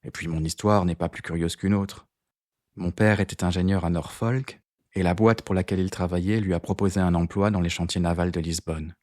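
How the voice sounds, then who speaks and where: A man's voice: low-pitched, fairly even intonation, fairly quick, a little mellow, no echo, studio quality, close to an everyday voice. A man reading a determined saxophonist woman. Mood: reminiscing. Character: determined grey-haired woman jazz saxophonist, still young. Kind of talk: audiobook character voice.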